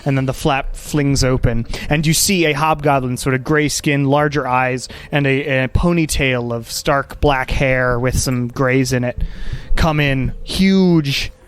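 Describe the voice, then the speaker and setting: A man's voice: mid-range voice, steady tone, clear, resonant tone. A man working as game master, improvising tabletop narration and chatting casually, often feeling for his words. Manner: halting, searching for words as he describes scenes.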